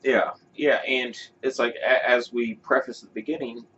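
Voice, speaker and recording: Chatting casually as a podcast co-host, this man rambles through his opinions with fillers and restarts. His voice sits at a medium pitch with a steady, fairly bright tone and a moderate pace. The recording has a dull lo-fi quality with a faint hiss.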